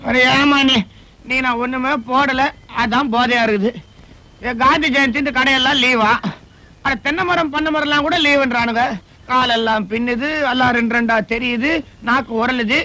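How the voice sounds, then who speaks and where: An actor playing a scheming, talkative comic friend in an old film, rambling and wisecracking. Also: male voice, very high-pitched, steady tone, moderate pace, sharp tone, low-quality recording. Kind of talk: 1980s film dialogue.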